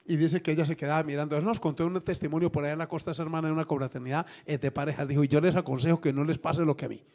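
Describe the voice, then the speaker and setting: A man's voice: fairly high pitch, very fast. A pastor preaching a sermon to his congregation, telling stories, acting out the people in them and joking. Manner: lively, acts out quoted voices, jokes with congregation. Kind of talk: sermon with storytelling. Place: church.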